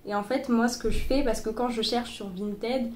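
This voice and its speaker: Her voice a little high with fairly even intonation, the young sewing vlogger speaks at a moderate pace, casually explaining with fillers and restarts and a slight stuffiness from a cold. It's recorded on her boyfriend's phone, sounding reverberant with a little hiss or hum.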